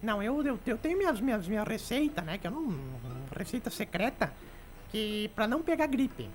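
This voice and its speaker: A woman playing a sharp-tongued old lady, telling jokes and teasing her co-hosts on a radio comedy show. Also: on the high side, animated, fairly quick, a little hiss or hum, natural voice. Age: older. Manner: teasing, bossy storytelling. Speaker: comic radio show regular.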